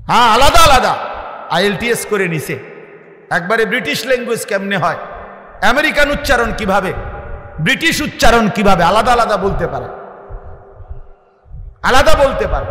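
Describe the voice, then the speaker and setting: A man preaching a waz sermon, impassioned and rising to loud chanted peaks. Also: high voice. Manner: calmer, stern when addressing the audience. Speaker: Islamic preacher. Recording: echoey hall with long reverb.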